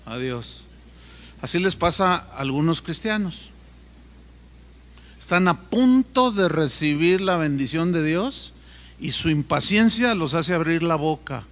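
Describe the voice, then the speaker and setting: A pastor preaching a sermon, telling a story with lively asides to the congregation. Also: male voice, on the high side, measured pace. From Mexico. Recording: reverberant hall.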